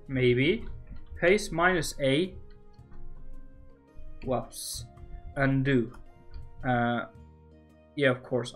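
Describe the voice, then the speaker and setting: Slow-talking Norwegian man narrating a build. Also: on the high side, a bit bright. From Norway. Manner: rambling, self-talking while building, joking. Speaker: Minecraft builder streaming. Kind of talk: casual building commentary. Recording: faint background music.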